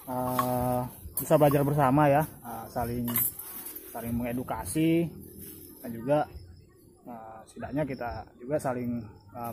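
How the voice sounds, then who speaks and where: A man's voice: mid-range voice, noisy background. A young man hosting a bushcraft vlog outdoors, talking casually and hesitantly to viewers, full of fillers. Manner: hesitant, many fillers, friendly address to viewers. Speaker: bushcraft vlogger. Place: outdoors in a forest clearing.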